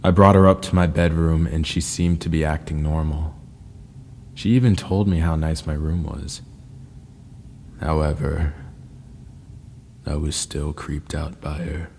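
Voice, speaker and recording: A man narrating scary first-person stories in a slow, ominous storytelling manner. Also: extremely low pitch, level tone, gravelly, darkish tone. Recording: long reverb with faint ambient noise.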